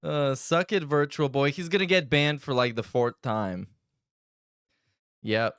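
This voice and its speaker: A man's voice: mid-range voice, unhurried, fairly bright tone, clear, resonant tone, no echo, studio quality. A man giving casual reaction commentary in a crude, slangy, sardonic way as a podcast host.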